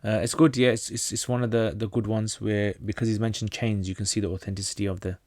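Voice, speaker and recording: A low-voiced man from North Pakistan, a native Pashto speaker, reads viewer questions aloud and answers them during a relaxed livestream Q&A. He talks fast and plainly, often restarting, and the sound is close and dry with no room echo.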